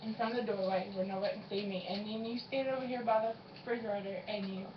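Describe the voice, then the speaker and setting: A woman's voice: mid-range voice, steady tone, fast. A woman co-hosting a casual challenge vlog, bantering in a playful, teasing, informal way. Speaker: co-host of a challenge video. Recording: roomy, distant, muffled with clear noise.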